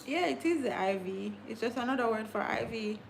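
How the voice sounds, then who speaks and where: A woman's voice: fairly high pitch, expressive, a little fast, vocal fry, background noise. Chatty woman in her thirties. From Jamaica. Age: 30s. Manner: chatty, laughs often, repeats words. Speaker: livestream host. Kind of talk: casual live-stream chat.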